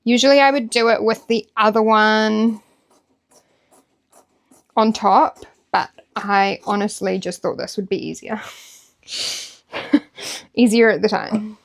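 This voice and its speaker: A woman's voice: medium pitch, steady tone, slow pace, pauses often. A young New Zealand woman with a New Zealand accent, chatting casually and joking at her own expense while she sews at home. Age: young adult. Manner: chatty, self-mocking, laughs easily. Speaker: craft vlogger. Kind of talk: casual talk while sewing.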